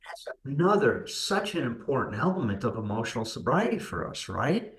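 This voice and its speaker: A man co-hosting a podcast, calmly reflecting and explaining ideas. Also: medium pitch, moderate pace. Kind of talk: casual podcast discussion. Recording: roomy echoing room sound.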